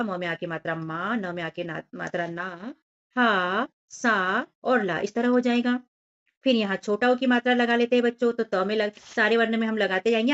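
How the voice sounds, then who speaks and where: A woman teaching young children, stretching out syllables slowly and explaining everything in simple words. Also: medium pitch, fairly bright tone, lo-fi sound. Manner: slow, drawn-out syllable-by-syllable reading. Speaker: primary school teacher. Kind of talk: workbook lesson walkthrough for young children.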